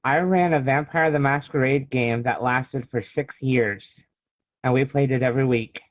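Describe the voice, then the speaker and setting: An American author being interviewed talks casually and explains at length like a storyteller. His mid-range voice moves at normal speed, and the dry recording has thin, phone-like call audio.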